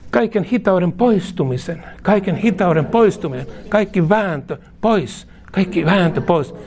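A man's voice: sits high, expressive, a little mellow. A man preaching and leading a congregation in fervent prayer, saying each line for the people to repeat.

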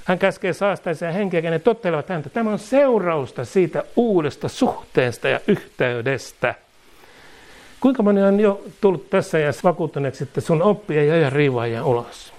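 A man preaching a sermon, rising in force as he exhorts and leading prayers phrase by phrase. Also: darkish tone. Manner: leads the congregation in prayer, phrase by phrase; rises in pitch and force as he exhorts. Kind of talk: sermon with call-and-response prayer.

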